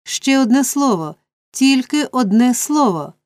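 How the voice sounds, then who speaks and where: A woman voicing a frantic, scheming old male fence in an audiobook reading, shrill and insistent. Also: normal speed, mellow, no room sound, clean studio sound, close to an everyday voice. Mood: pleading.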